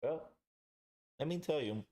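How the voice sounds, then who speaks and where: A man's voice: a little high, lively intonation, a little slow, dark tone. Man chatting casually on a livestream. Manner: chatty, addresses viewers directly. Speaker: livestream host and pipe reviewer. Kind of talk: casual live chat with viewers.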